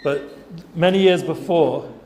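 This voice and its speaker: Speaking a little slowly in a fairly high, slightly mellow voice, this North London man talks informally to a youth group as a guest speaker for students, with plenty of fillers and asides. Soft music plays in the background of the echoey room.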